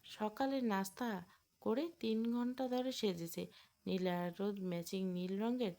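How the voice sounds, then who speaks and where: A woman narrating a romantic audio novel with steady, expressive storytelling. Her voice sits at a middling pitch for a woman and carries the scene from one moment to the next. It is scripted reading, paced for listeners following a serialized story. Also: moderate pace.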